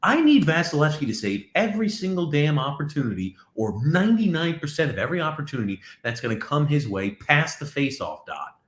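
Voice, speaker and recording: A man's voice: a little high, sing-song, brisk, hardly any pauses. A man co-hosting a casual hockey commentary, blunt and argumentative, recorded on a backup mic in a new room that sounds echoey. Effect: echoey room sound from an unconnected mic. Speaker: co-host. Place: new room, set up not finished. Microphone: external mic not hooked up, backup mic.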